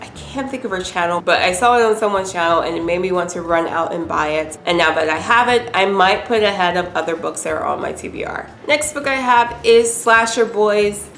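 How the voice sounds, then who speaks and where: A woman's voice: lowish voice, a little fast, hardly any pauses, a bit bright. Chatty woman with a cold, echoey room. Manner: chatty, upbeat, unsure of names. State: sick with a cold. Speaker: book vlogger. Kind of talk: casual book haul talk. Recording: echoey room, faint ambient noise.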